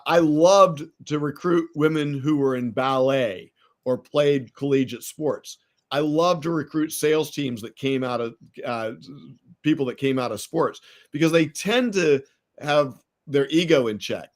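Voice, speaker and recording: A middle-aged American man, an entrepreneur appearing as a podcast guest, tells stories in a casual interview, full of fillers and restarts. His voice is mid-range and his pace measured.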